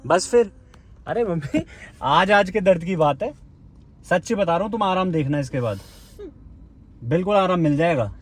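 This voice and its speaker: A man's voice: high-pitched, lively intonation, normal speed, pauses often. A man vlogging in casual chat, talkative and coaxingly consoling his mother.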